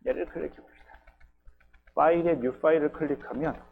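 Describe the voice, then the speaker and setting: Through narrow, tinny audio, a man's slightly high, gravelly voice comes across steady and a little fast. He is a university lecturer patiently explaining programming step by step in a recorded class, regularly checking on students with "ye" and "geujyo."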